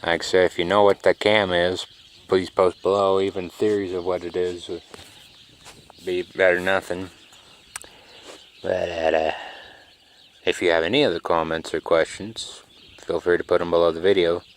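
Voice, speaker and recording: A man's voice: sits low, level tone, moderate pace, long pauses. A man, rambling casually and sleepily to his phone camera outdoors in the country. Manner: laid-back, rambling, drawling. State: sleepy, yawning. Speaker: car vlogger.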